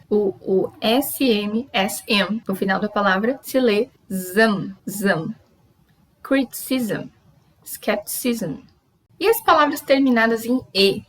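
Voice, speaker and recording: A young woman from Brazil teaches pronunciation on a video channel, her voice sitting a little high. She explains patiently and drills each example word slowly and clearly. She is recorded close to the mic in a quiet room at home. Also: poor audio. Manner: explains step by step, repeats model words slowly. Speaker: English teacher. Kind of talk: YouTube pronunciation lesson.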